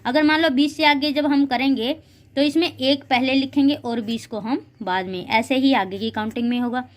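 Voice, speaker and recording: A woman teaching a class of children in a patient, encouraging way, slowly as she drills the words and calling her students "beta ji". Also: high-pitched.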